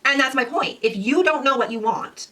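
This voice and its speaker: A woman dog trainer giving a casual lesson, lively, acting out owners and dogs in quick quoted voices. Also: high voice, recorded from a distance, a little hiss or hum. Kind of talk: casual instructional talk.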